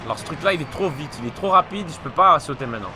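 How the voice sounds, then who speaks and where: A young man, still a little ill, commenting on his gameplay with frequent swearing and frustrated shouts. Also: on the high side, lively intonation, fast talker, noisy background. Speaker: let's play gamer. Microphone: desk mic. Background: game music.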